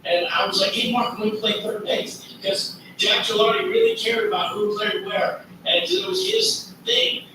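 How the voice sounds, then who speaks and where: A man in his fifties chats as a guest, spinning animated anecdotes in a high, lively voice. He is recorded from afar in a very echoey room. Noise hums in the background. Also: normal speed, hardly any pauses, distant mic. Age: 50s. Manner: animated storyteller, acts out quotes. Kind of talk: casual chat.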